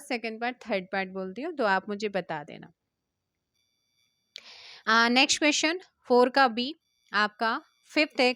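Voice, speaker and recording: Brisk Indian woman teacher quizzing viewers. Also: on the high side, fairly bright tone, clear, resonant tone, no echo. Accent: Indian Hindi. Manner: brisk, quizzing viewers and urging them to comment. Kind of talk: quiz-style exam prep lesson.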